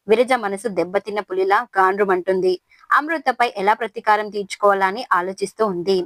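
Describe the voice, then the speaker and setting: A woman telling a scripted family drama in a steady, measured manner. Her mid-pitched voice is close to the mic and completely dry, with no room sound. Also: no echo. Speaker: narrator. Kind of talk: scripted story narration.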